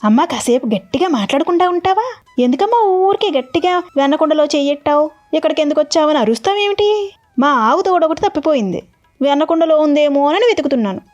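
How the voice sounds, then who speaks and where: A woman's voice: sits high, expressive, fast, a little mellow, dull audio, faint music behind, pitched above the performer's own voice. A woman voicing a cheeky, fearless little boy who talks back with innocent excuses. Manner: innocent, talking back coolly. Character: cheeky little boy god, cool and unafraid.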